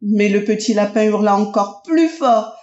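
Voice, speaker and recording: A woman narrating a children's audiobook in a slow, expressive storytelling manner. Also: mid-range voice, soft background music. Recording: roomy, dull lo-fi audio.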